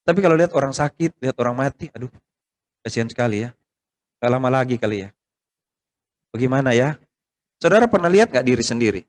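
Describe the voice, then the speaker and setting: Middle-aged Indonesian-accented pastor, mid-pitched, chatty sermon full of questions. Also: male voice, lively intonation, quick pace, pauses often. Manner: conversational preaching with rhetorical questions. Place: church service, streamed by video call.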